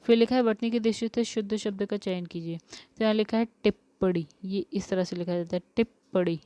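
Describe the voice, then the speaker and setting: A woman's voice: mid-range voice, steady tone, brisk, warm tone, no echo. A woman teacher working through spelling questions step by step, asking each question and then answering it. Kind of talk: spelling lesson for exam prep.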